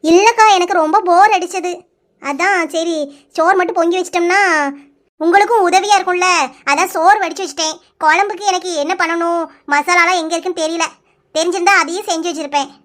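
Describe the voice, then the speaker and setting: A woman's voice: very high voice, fairly even intonation, a little fast, a bit bright. Woman playing a meek young village girl. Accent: Kanyakumari Tamil. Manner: meek, apologetic. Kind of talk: cartoon voice acting.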